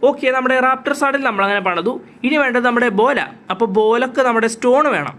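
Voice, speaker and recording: Gamer guy talking fast over his gameplay, high voice, bit hoarse from a cough, keeps saying guys. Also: sharp tone. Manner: chatty, keeps addressing viewers as guys. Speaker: gaming channel host. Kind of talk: casual gameplay commentary.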